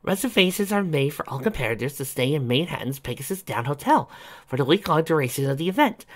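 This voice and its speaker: Casting note: man putting on a high, excited young pony mare for an audiobook, lively pitch swings. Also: fast. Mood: eager. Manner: bright, excited, earnest. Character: eager cheerful young female unicorn pony. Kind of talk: fan fiction audiobook reading.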